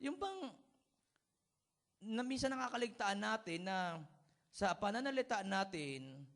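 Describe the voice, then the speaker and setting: Man preaching with humor, voice a bit high, asks for amens, chuckles through stories. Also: very animated, unhurried, a bit bright. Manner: chuckles while telling everyday stories. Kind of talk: sermon.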